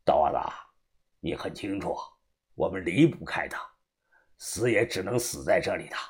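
A man voicing a stern, commanding old boss who talks slowly and gravely. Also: bright, forceful tone, full character voice. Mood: cold. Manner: slow, low, grave.

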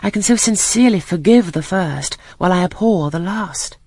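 A reader voicing a gentle, pious schoolgirl who speaks calmly and earnestly about her beliefs. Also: mid-range voice, normal speed, breathy edge, no echo, voice pushed up. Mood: serene earnest. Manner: calm, earnest, softly solemn. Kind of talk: scripted audiobook reading.

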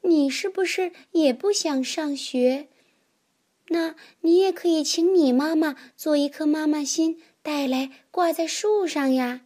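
A woman voicing an earnest little schoolgirl in a storybook, with a high, childlike voice. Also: unhurried, warm tone. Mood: innocent.

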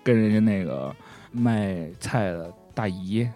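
A man, co-hosting a podcast and telling an anecdote in a chatty, animated way, often asking "you know?". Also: lowish voice, takes it slowly, soft background music. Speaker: podcast co-host. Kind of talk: casual storytelling chat.

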